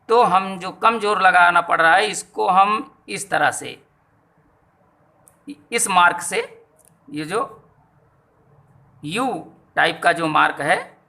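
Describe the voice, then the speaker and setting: Man, teacher, slow and repetitive, high voice. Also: pushed and bright. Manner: slow, repetitive explaining to students. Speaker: English teacher. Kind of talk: classroom lesson on poetry meter.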